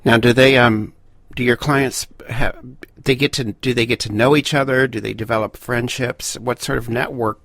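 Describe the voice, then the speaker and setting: A man in his fifties hosting a conversational interview, with halting, searching phrasing. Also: mid-range voice, steady tone, vocal fry, a bit bright, no echo. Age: 50s. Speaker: podcast host.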